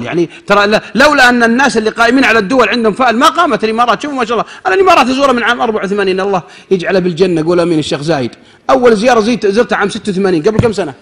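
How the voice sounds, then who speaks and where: A man giving a humorous, animated sermon, acting out little scenes and swinging between loud and soft. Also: sits high, husky. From Saudi Arabia. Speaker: preacher.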